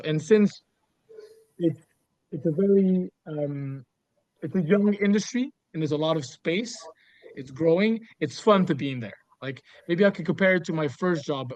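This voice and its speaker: A man's voice: fairly high pitch, dry recording. A Canadian man in his thirties, a guest in an interview, answering casually and animatedly, often restarting phrases. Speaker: guest, sales executive. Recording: dull, lo-fi sound.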